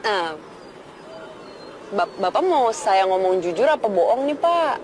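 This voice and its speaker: A woman's voice: medium pitch, sing-song, measured pace, a little mellow, a little hiss or hum. An actress playing a cheeky, outspoken young working-class woman in a TV drama, blunt and chatty. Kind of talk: TV film drama acting.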